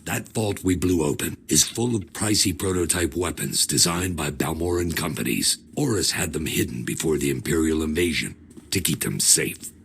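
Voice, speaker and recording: A man's voice: a bass voice, moderate pace, gravelly, a little hiss or hum. An actor playing a laid-back, sarcastic male agent with dry wit.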